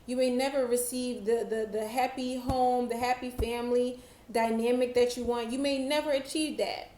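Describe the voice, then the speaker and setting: Slow, reflective woman reading tarot. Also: fairly high pitch, steady tone, mellow, reverberant, a little hiss or hum. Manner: slow, reflective, channeling-style delivery. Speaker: tarot reader.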